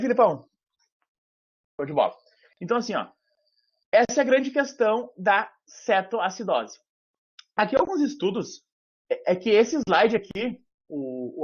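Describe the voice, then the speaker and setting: A man's voice: high voice, breathy edge. A man giving an informal university lecture over a video call, explaining aloud with frequent fillers. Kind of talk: online lecture. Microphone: headset. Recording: muffled video-call audio.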